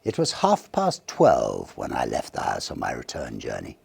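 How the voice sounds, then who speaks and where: Narrating an audiobook, a man relates a Victorian ghost tale in a deep, gravelly tone. His reading is deliberate and theatrical, with animated rises and falls and pauses for effect, the manner of an old-fashioned storyteller. The recording has no room sound.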